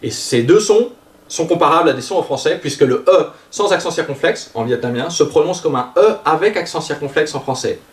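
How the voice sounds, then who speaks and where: A man teaching a language lesson, explaining vowel sounds and drawing out example words slowly. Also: fairly high pitch, expressive, recorded from a distance. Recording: roomy sound, voice a bit off-mic.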